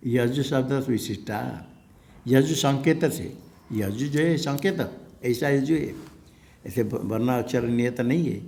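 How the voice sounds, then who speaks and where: Gravelly guy giving a slow scripture class, lecture-style, chuckles now and then. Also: mid-range voice. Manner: unhurried explanatory teaching with soft laughs. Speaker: teacher of scripture. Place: ashram classroom.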